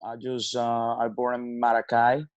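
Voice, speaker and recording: A man, a baseball manager answering interview questions in halting speech, with many restarts and fillers. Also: medium pitch, monotone, smooth, dry recording, lo-fi sound. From Venezuela. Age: 30s.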